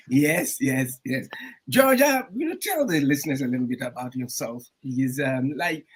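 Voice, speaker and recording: A man hosting a radio talk show in a casual, animated way, with frequent fillers. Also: mid-range voice, unhurried, long pauses, slightly rough. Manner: animated, warm welcomes, frequent um fillers and laughs. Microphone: streamed studio mic.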